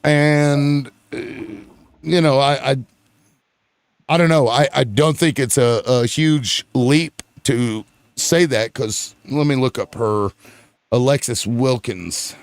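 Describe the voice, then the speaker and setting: A man's voice: medium pitch, clear, resonant tone, no room sound. A man hosts a casual political panel over an online call, stopping and restarting as he looks things up. His voice sits mid-range and sounds dry and close. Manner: halting, looks things up and reads aloud. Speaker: host of a panel show. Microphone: online audio call.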